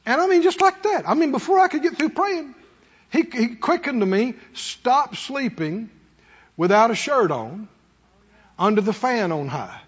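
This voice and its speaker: With an extremely high, husky voice that swings widely in pitch, a middle-aged or older man preaches a little slowly. His style is folksy and conversational, full of homely stories and rhetorical questions, and the hall audio is muffled with long reverb.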